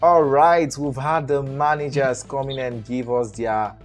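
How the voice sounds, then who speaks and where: Energetic man from Nigeria hosting an esports stream, mid pitch, soft music behind. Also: a little slow. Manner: energetic, repeats words. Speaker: host. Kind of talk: live stream pre-match interview.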